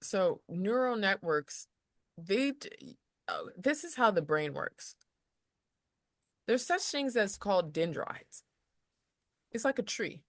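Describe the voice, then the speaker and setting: A woman's voice: mid-range voice, very animated, slow pace, long pauses, dry recording, studio quality. A woman casually explaining lesson material as a tutor, rambling a little with restarts and slipping into example voices.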